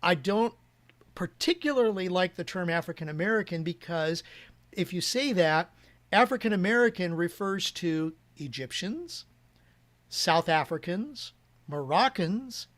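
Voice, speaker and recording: A man with a slightly raised pitch speaking as a podcast guest. He talks earnestly and at length, often restarting his sentences as he works through a thought. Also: animated, a little slow, a bit bright. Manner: earnest and rambling, many restarts. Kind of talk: casual interview chat.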